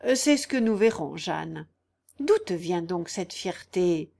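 A woman reading aloud, voicing a proud, protective gentleman with a haughty, indignant manner. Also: fairly low pitch, lively intonation, unhurried, vocal fry, full character voice. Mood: earnest.

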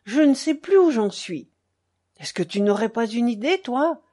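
A woman's voice: fairly high pitch, lively intonation, a little slow, warm tone. A woman reading the part of a worried married man pressing his wife for money, in an audiobook. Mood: worried pleading. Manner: urgent, pleading then cold.

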